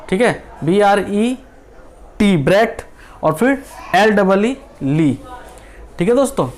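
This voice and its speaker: A man's voice: high voice, a little hiss or hum. A man teaching how to read English, explaining patiently, spelling words out letter by letter and often checking that the listener follows. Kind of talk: spoken English reading lesson.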